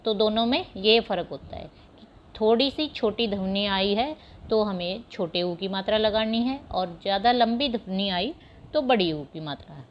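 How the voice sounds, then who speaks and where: Woman teacher slowly sounding out words for kids, patient, kinda muffled lo-fi audio. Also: medium pitch, a little hiss or hum. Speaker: primary school teacher. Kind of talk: Hindi phonics lesson over slides.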